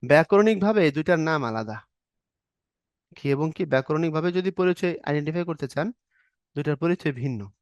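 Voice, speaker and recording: A man with a fairly high voice teaching an exam-prep grammar class. He explains each rule step by step, acts out short example questions and answers, and keeps asking whether the students are following. The recording is dry and close. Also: animated, brisk, long pauses, a little mellow, dry recording.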